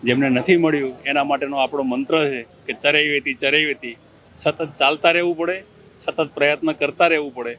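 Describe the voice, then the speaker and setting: A middle-aged man answering interview questions as a district party president, earnest, formal and measured. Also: on the high side, steady tone, a bit bright.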